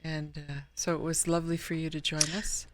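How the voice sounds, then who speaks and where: A woman hosting a live writers' stream, talking in a soft, halting way with many restarts. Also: sits low, completely flat delivery, slight background noise. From Canada. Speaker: host of a writers' open mic stream. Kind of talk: casual chat wrapping up a live stream.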